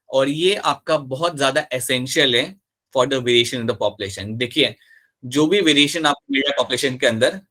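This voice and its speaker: A man teaching a live biology class in a bright, forceful voice. He goes step by step, repeating the key terms and asking his students whether they follow. He switches freely between Hindi and English mid-sentence. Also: medium pitch. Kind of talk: live online class lecture.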